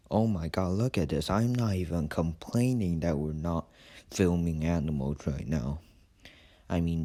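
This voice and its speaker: Deep, slow deadpan mock-documentary narrator, a man. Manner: deadpan, casual, sweary mockery. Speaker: narrator of a parody nature documentary. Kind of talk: ad-libbed comic nature documentary commentary.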